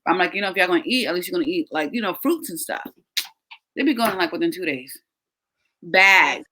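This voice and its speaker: A woman in her thirties hosts a relaxed chat, animated and quick to laugh as she tells family stories. Her voice is bright and forward. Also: lowish voice. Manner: animated storyteller, laughs often. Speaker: host. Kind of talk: casual chat.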